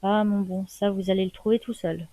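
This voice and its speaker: A woman voicing a chatty young woman who teases and drops folksy sayings, in a mellow voice. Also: mid-range voice, fairly even intonation, brisk, no room sound, lightly acted, poor audio. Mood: teasing.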